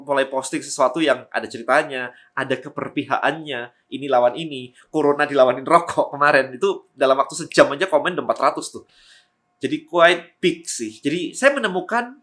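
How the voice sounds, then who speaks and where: A man talking quickly and energetically to camera, giving tips on making content. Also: on the high side. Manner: fast-talking, lively, energetic. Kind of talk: energetic how-to talk to camera.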